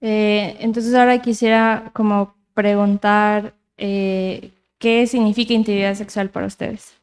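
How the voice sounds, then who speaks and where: Clear-voiced female interpreter. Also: mid-range voice, flat delivery, unhurried, a little mellow. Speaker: live interpreter. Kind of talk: consecutive interpreting of a talk.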